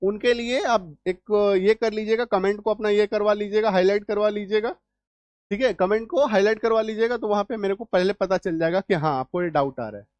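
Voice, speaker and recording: A man's voice: high voice, a little fast, darkish tone, no room sound. A man teaching English spelling rules in an online lesson, repeating each rule and often checking whether students follow.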